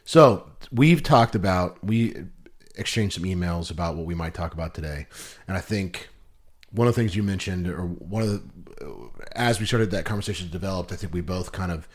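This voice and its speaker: A man's voice: low-pitched, normal speed. A man hosting a casual interview podcast in an informal, chummy buddy style. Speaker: host.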